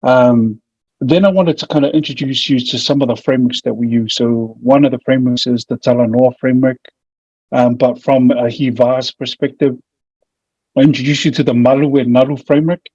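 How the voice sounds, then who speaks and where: A man's voice: mid-range voice, steady tone, fairly quick, a little mellow, breathy edge. A man with a broad New Zealand accent giving an informal, slightly hesitant online presentation. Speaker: presenter, family violence mediator. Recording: muffled, echoey room audio.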